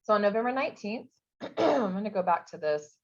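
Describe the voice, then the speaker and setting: A woman's voice: medium pitch, sing-song, fast. A woman running a recorded info session, talking casually with many fillers and restarts. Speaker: program coordinator. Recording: dull, lo-fi recording.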